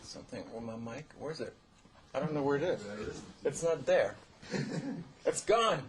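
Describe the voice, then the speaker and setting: A man's voice: on the high side, expressive, moderate pace, a crowd in the background. A man hosting a casual interview, asking playful, teasing questions. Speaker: radio host.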